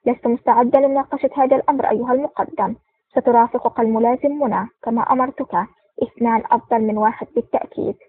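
A woman's voice: on the high side, steady tone, fast talker, dry recording. A woman voicing an impatient, commanding male intelligence chief in an audiobook. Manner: brusque and commanding. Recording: tinny phone-like sound.

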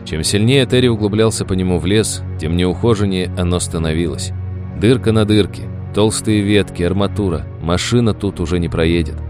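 A man reading a story as an audiobook narrator, in an even, measured way. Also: sits low, over music. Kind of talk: scripted narration.

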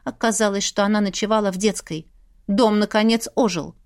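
A woman narrating a first-person audiobook in a brisk, tense storytelling manner. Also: medium pitch, fairly even intonation, a little mellow.

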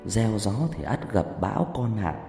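A man's voice: lowish voice, expressive, normal speed, vocal fry, warm tone. A man voicing a stern old female shaman who speaks in a grave, admonishing way. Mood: grave warning. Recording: reverberant hall with background music.

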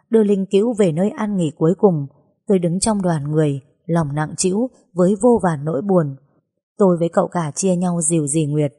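A woman reading a first-person story aloud in a sorrowful, measured way. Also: lowish voice, warm tone, breathy edge. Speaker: narrator.

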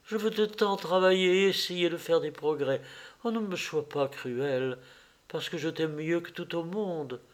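A man voicing a heartbroken young actress who pleads with her lover in a soft, tearful voice, in a read-aloud novel. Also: a little high, measured pace, pitched above the performer's own voice, lightly acted. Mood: tearful pleading.

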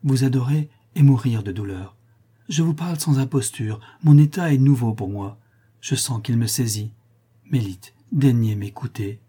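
A man voicing an ardent young gentleman who speaks in a fervent, imploring way. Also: medium pitch, moderate pace, slightly rough, natural voice.

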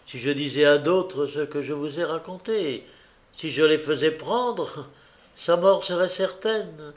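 A man's voice: a little high, unhurried, lightly acted. A man reading the part of a desperate, remorseful young woman who pleads through tears, in a fervent, anguished way.

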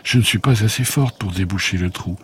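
A man voicing Blu, a tiny and polite female fluff-ball creature, in a raised, gentle, childlike voice. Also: sits low, fairly quick, breathy edge.

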